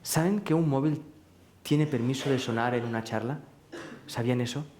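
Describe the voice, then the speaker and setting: A man giving a live talk to an audience in a large hall, speaking in a questioning, rhetorical way and gently teasing his listeners. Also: mid-range voice, moderate pace. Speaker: speaker at a public lecture. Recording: roomy hall echo.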